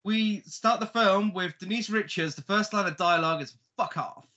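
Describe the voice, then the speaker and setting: A man's voice: sits high, moderate pace, dull audio, music in the background. A man hosting a film podcast, mixing casual chat with recap of the story.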